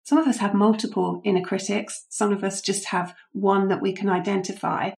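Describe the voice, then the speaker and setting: A woman speaks as a coach on an interview podcast. She explains her ideas patiently and keeps turning to small stories. Her voice sits at an ordinary middle pitch for a woman. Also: steady tone, normal speed, gravelly. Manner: warm, explanatory, anecdotal. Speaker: guest, leadership coach.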